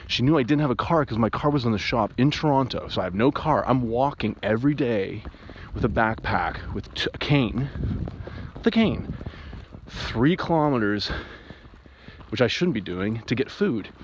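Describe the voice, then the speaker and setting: A separated father giving an emotional personal monologue, agitated and rambling, with restarts and sudden jumps in pitch. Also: animated, normal speed, long pauses. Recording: muffled, with faint background hiss.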